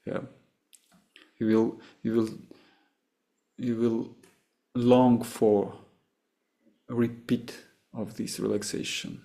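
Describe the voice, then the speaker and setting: Slow, gravelly Russian-accented man. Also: mid-range voice, level tone, dark tone. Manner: halting, searching for words, many restarts. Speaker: meditation teacher. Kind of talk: answering questions after a meditation session.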